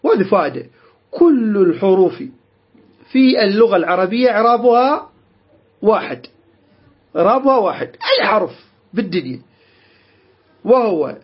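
A man's voice: sits high, slightly rough. A man teaching a grammar lesson, repeating key terms and checking that students understand. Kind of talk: classroom lecture. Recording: dull lo-fi recording.

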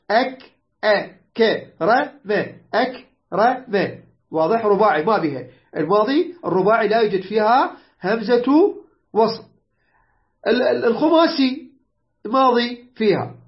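A teacher with an Iraqi Arabic accent explaining grammar patiently, repeating words slowly, spelling out letters and often checking that students follow. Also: mid-range voice, muffled recording. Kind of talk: online grammar lesson.

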